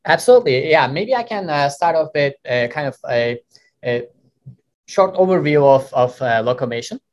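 A man from Turkey whose first language is Turkish, a guest answering interview questions in a measured way with many "uh" fillers. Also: fairly high pitch, lively intonation. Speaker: guest, company co-founder.

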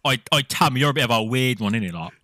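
A man's voice: lowish voice, moderate pace, a bit bright, dry recording, clean studio sound, pitched below the performer's own voice, natural voice. A man voicing a brash young male Liverpool lad in an exaggerated put-on Scouse accent, full of street slang. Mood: cocky banter.

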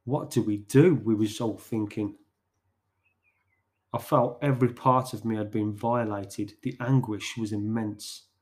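A man hosting a podcast who narrates a story in a slow, deliberate way, pausing between phrases. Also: lowish voice, little pitch movement.

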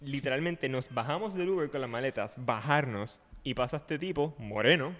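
A man hosting a podcast in casual chat, telling stories in an animated way and laughing often. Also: medium pitch, moderate pace. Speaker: podcast host. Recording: long reverb.

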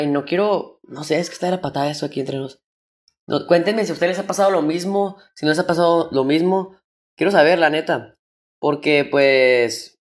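A young man with a Mexican Spanish accent, hosting a solo podcast from home in a rambling, slangy, self-interrupting way. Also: fairly high pitch. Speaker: podcast host. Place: home room.

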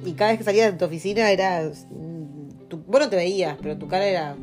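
A woman's voice: on the low side, quick pace, over music. A woman with a Rioplatense Spanish accent, chatting casually and teasingly as a podcast co-host. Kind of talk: casual chat.

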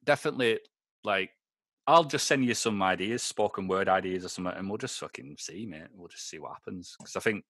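A man's voice: low voice, fairly quick, a bit bright, no room sound. A young Scottish man hosting a podcast, chatting casually, rambling and swearing, laughing often. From Scotland. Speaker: podcast host. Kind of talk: casual chat.

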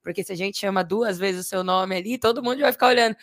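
A woman in her thirties, a fitness studio owner, talking as a podcast guest in a relaxed, explanatory way. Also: medium pitch, fast. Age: 30s. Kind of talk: casual chat.

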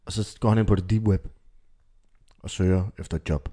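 Low male voice, casual co-storyteller, eager to build on the other's jokes. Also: fairly even intonation, warm tone, breathy edge. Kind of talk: casual improvised storytelling chat.

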